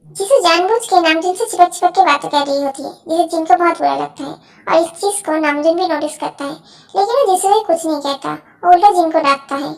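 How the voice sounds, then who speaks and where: A woman narrating a story for her channel in a soft, matter-of-fact way. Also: high-pitched, a little fast, creaky.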